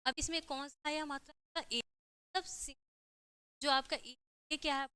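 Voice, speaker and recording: In a sharp, high voice with fairly even intonation, a woman lectures her class without hurrying, and there's no echo. Her Hindi accent comes through as she goes over points again and again, asking "theek hai?" nearly every phrase.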